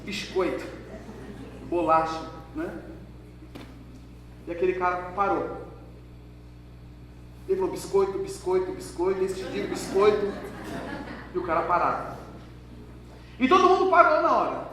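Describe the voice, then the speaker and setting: Male pastor with a high voice, lively storytelling sermon, heard from far off in a church hall. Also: unhurried, pauses often. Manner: lively storytelling, addressing the congregation directly. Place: church hall during a service. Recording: echoey hall from far off, background noise.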